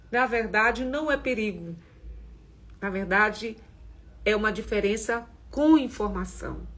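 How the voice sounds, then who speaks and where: Woman host, husky and a little high, gentle reflective self-help talk, chatty asides. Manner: gentle, conversational, frequent "né?" asides. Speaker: host of a women's self-development community.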